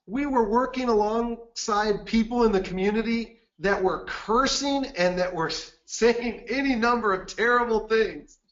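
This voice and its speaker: A man giving a seminar presentation, telling a mission-trip story in an earnest, measured way. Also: high-pitched, fairly bright tone, highs cut off. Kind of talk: webinar presentation with anecdote.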